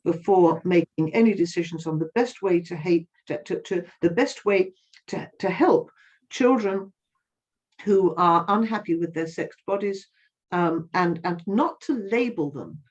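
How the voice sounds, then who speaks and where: In earnest, impassioned interview answers, an older woman activist often restarts and repeats words. Her fairly low voice is unhurried and a little mellow, and the recording sounds slightly dull and lo-fi.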